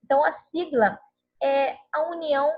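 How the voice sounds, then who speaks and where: A woman's voice: high voice, steady tone, moderate pace. A woman teacher giving a recorded grammar lesson, explaining patiently and often checking in with her listeners. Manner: patient, explanatory, frequent tag questions. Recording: narrow phone-like audio, slightly husky.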